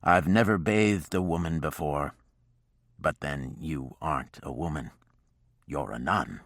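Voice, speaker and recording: A man's voice: extremely low pitch, a little slow, no room sound, clean studio sound, exaggerated voice. A man voicing a stern, patient frontiersman in an audiobook, speaking in a curt, matter-of-fact way.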